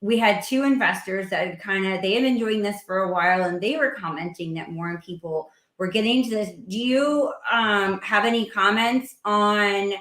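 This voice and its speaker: A woman hosting a casual interview, chatty and filling pauses with ums. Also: mid-range voice, fairly bright tone, reverberant. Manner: chatty, with frequent fillers. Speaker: host.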